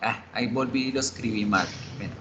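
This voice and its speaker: A man's voice: mid-range voice, brisk, muffled recording, noisy background. A man teaching an online English class, patiently explaining pronunciation and repeating words.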